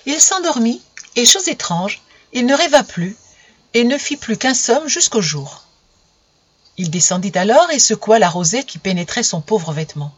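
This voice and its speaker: A narrator reading a story aloud in an even, measured way. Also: mid-range voice, slightly rough, dull audio.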